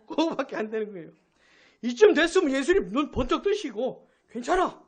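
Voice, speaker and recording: A pastor preaching a Sunday sermon, asking the congregation questions and acting out quoted speech. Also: high voice. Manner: animated, asks the congregation questions.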